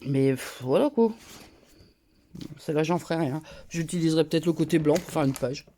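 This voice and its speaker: A woman with a head cold, talking through her nose and a bit loudly as she chats casually through a craft haul. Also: sits low, moderate pace. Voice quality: nasal. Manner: talks a bit loud, chatty with fillers. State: congested from a cold, nasal. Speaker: scrapbooking vlogger. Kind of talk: casual haul show-and-tell.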